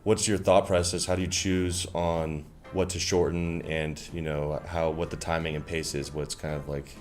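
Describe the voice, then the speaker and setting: A man hosting a livestream interview, upbeat and chatty, filling gaps with quick affirmations. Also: extremely low pitch, level tone, faint music behind. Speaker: stream host.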